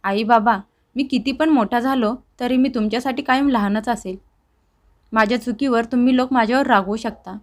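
A man's voice: extremely high pitch, fairly even intonation, normal speed. A woman narrator voicing a remorseful grown son who talks earnestly and tearfully to his family. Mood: warm.

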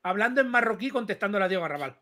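A man co-hosting a live chat, talking fast and heatedly, swearing and repeating himself. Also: sits high. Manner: rapid, excitable, swears a lot, repeats himself. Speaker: live stream co-host.

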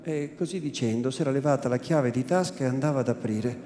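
Male literary reader, measured and dramatic, booming cathedral acoustics with faint room hum. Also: warm tone. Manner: measured, theatrical. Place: large cathedral. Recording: echoey cathedral, faint ambience.

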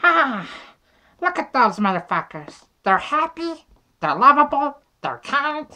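A young man voicing a grumpy, foul-mouthed little toy penguin with a raspy, abrasive delivery. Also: very high-pitched, sing-song, slow pace, sharp tone, pitched above the performer's own voice, exaggerated voice. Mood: bitter. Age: young adult. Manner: abrasive, sarcastic swearing. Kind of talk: amateur puppet comedy skit. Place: small bedroom indoors.

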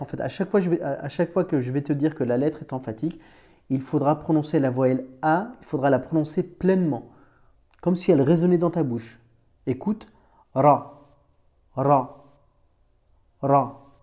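A man's voice: on the high side, a little fast, dark tone. A man teaching Arabic letters in a chatty, informal way, talking straight to the learner with many restarts. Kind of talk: informal screen-recorded lesson.

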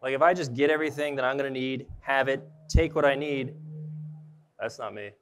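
Smooth-voiced young man demonstrating tree rigging. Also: medium pitch, a little fast. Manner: casual, thinks aloud while working with gear. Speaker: arborist trainer. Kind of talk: live demonstration talk. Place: indoor trade show booth with a mock tree.

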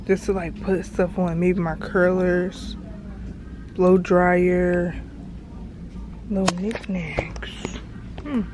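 A woman's voice: on the low side, fairly even intonation, drawn-out words, pauses often, noisy background. A young woman in her twenties chatting to a handheld camera as she browses a large store, talking to herself about what to buy. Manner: chatty, talks to herself while shopping. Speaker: vlogger. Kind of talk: casual vlog narration. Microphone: handheld camera at arm's length. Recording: music playing in the background.

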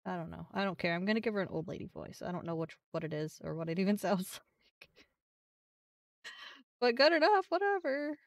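Young woman, game streamer, gravelly voice, dry sound, mic a little far off. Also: lowish voice, steady tone, quick pace, a little mellow, no room sound. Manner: chatty, thinks aloud, swears casually. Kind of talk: casual live-stream commentary.

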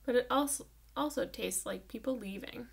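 A woman reading aloud and voicing a gentle, wise old woman with an unhurried drawl. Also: on the high side, creaky, husky. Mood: wistful.

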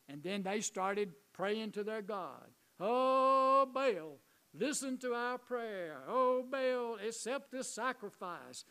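A man preaching a sermon, retelling a Bible story in a folksy, animated way and voicing the characters' lines. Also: high-pitched, rough recording.

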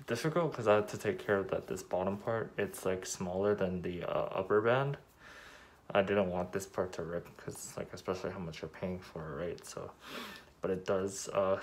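Man talking through a cloth mask. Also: low voice. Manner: rambling, lots of fillers. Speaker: vlogger reviewing a product. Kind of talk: casual unboxing review.

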